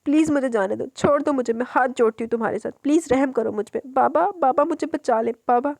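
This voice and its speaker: A woman's voice: high voice, fast, gravelly, darkish tone, no room sound, clean studio sound, pitched above the performer's own voice. A woman voicing an innocent, frightened young woman who pleads tearfully in an audiobook novel. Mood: pleading.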